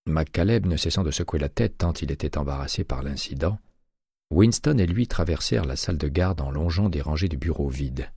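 A man narrating an audiobook thriller in an even, steady reading. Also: very deep voice, a little fast, vocal fry, slightly rough, no room sound, clean studio sound.

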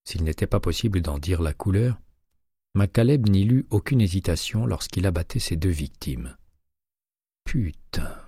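Deep, husky male audiobook narrator. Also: dry recording, clean studio sound. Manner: measured, even reading.

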